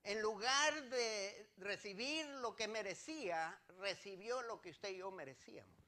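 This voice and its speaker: A man preaches a sermon in a high, ringing, bright voice. He drives his points home with rhetorical questions and shifts from loud proclamations to hushed asides. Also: measured pace. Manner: swings between loud declarations and quiet asides. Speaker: pastor.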